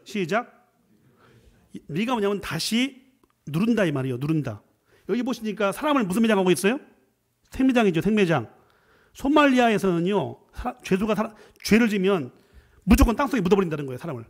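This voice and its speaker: Middle-aged male guest preacher, high voice with big swings, jokey and animated, shifts between loud bursts and quiet asides. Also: fairly quick, pauses often. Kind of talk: animated Friday prayer sermon.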